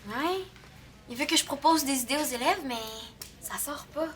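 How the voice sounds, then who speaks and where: A woman's voice: high voice, moderate pace, a bit bright. A young woman with a Quebec French accent playing a practical teenage girl with a dry, matter-of-fact way of speaking.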